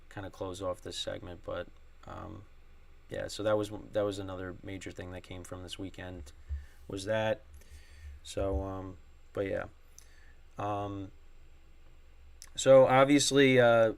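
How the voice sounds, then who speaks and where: Vocal fry colors this young man's lowish voice as he runs a sports podcast alone. Having screamed himself hoarse at a game, he meanders through his points with frequent fillers and restarts.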